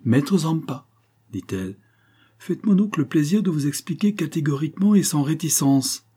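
A man reading the lines of a proud, imperious countess in an audiobook, with sharp, commanding questions. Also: fairly low pitch, fairly quick, breathy edge.

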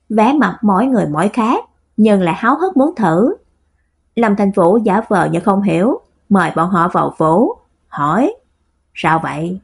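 A woman narrating a storybook in a steady, even reading voice. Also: mid-range voice, slightly rough. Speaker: audiobook narrator.

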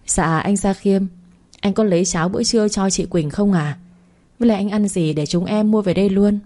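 A woman's voice: medium pitch, a little fast, dark tone, lightly acted. A woman voicing a friendly, polite young female nurse in an audiobook romance. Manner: polite, deferential.

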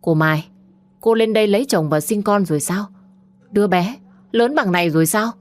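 A woman voicing a pushy, excited village man who questions insistently in an audio story. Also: mid-range voice, brisk, no room sound, pitched above the performer's own voice, lightly acted. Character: agitated village man, an old acquaintance, pushy.

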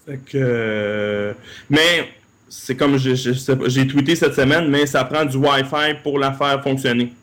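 A man's voice: mid-range voice, steady tone, measured pace, a bit bright. A man with a Québécois accent chatting casually as a podcast co-host, colloquial and often repeating words. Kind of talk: casual tech chat.

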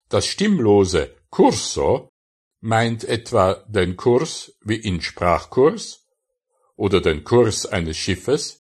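Husky, slow-spoken male language teacher. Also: fairly low pitch. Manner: slow, careful enunciation of single words followed by translations. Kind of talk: scripted audio language lesson.

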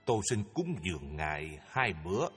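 A man's voice: low-pitched, big pitch swings, normal speed, a bit bright, husky, heavily acted. An actor playing a poor, humble old Brahmin father who speaks with earnest pleading in an audio drama. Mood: reverent. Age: older. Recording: reverberant hall, music behind.

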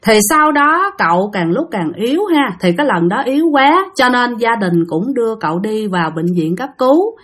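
A woman's voice: medium pitch, a bit bright. A woman telling a spooky tale in a chatty way, often speaking straight to her listeners. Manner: chatty, addresses listeners directly. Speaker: storyteller. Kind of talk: spooky storytelling narration.

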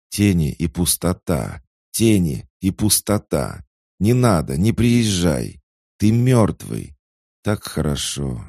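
A man with a deep, gravelly voice voicing a frightened, broken young woman, an addict who pleads through tears. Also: warm tone, dry recording, studio quality, full character voice. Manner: tearful, halting pleas.

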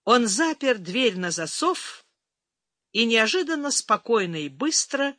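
Unhurried woman audiobook narrator. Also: on the high side, big pitch swings, pushed and bright, no room sound, clean studio sound. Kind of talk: scripted narration.

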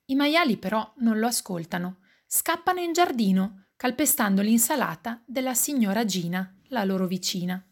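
A woman who works as an educator and musician, reading a picture book aloud for young children in an expressive way. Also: on the high side. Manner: slow, expressive storytelling.

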